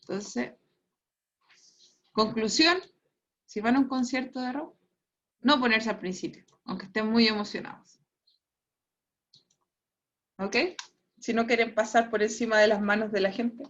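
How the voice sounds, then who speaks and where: A woman's voice: a little high, fairly even intonation, unhurried, long pauses, a bit bright. Woman teaching a physics class, lo-fi sound. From Chile. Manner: explanatory, tags phrases with "¿cierto?" and "¿ya?", laughs at own jokes. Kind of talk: online class lecture. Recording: muffled lo-fi class recording.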